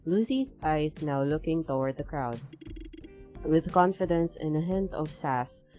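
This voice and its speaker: Low-voiced woman streamer, reads game text and rambles with fillers, faint music under. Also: expressive, measured pace, a little mellow. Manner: rambling, filler-heavy chat. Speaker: let's play streamer. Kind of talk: reading a visual novel aloud with commentary.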